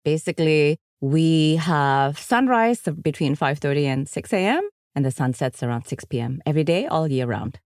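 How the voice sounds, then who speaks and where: A woman who grew up in Indonesia and Germany, a podcast guest explaining things in a measured way. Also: low-pitched, animated, darkish tone, no echo, clean studio sound. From born in Indonesia, raised partly in Germany. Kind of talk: interview answers.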